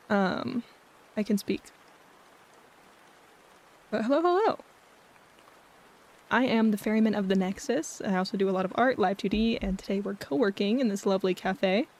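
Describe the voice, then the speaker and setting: A woman hosts a casual livestream in a medium-pitched voice. She talks in a friendly, welcoming way with a bubbly, sing-song touch. Her style is relaxed, informal chat with viewers. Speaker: streamer hosting a co-working livestream.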